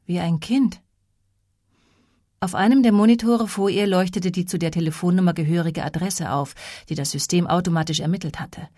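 Woman audiobook reader, lowish voice, dry close recording. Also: darkish tone, dry recording. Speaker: audiobook narrator. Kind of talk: scripted narration.

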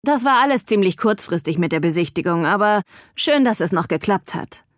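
A woman voicing a brash young man who talks in a gruff, offhand and condescending way, as a character in an audiobook. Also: medium pitch, animated, fairly quick, no room sound, clean studio sound, close to an everyday voice.

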